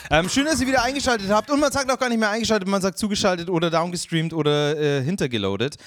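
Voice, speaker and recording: A man's voice: high voice, animated, racing, a bit bright, faint music behind. A man from Bavaria hosting a comedic podcast, joking and mock-indignant, laughing often. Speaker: podcast host. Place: home studio.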